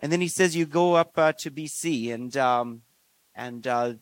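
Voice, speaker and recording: A man preaching a sermon in an earnest, measured way, slowing down on key phrases. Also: a little high, no room sound. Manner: earnest, measured delivery with slow emphatic phrases and frequent fillers.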